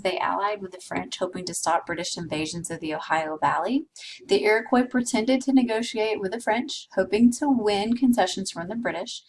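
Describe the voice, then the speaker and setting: A woman's voice: medium pitch, recorded from a distance, slight background noise, poor audio. A woman teaching a history class in a conversational way, with asides to her students. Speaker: history instructor. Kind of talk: recorded lecture.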